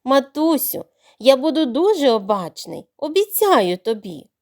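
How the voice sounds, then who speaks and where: A woman's voice: sits high, very animated, unhurried, darkish tone. A woman voicing a small, clever young duckling in a storybook, talking politely but firmly. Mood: earnest. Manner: polite and firm.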